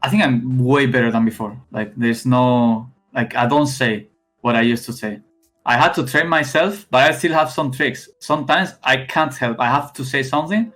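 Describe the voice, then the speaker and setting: A young esports player from Spain, a guest in a casual interview, speaks English with a heavy accent in an ordinary mid-range pitch. He's halting, with many fillers, stopping and restarting sentences as faint music plays quietly in the background.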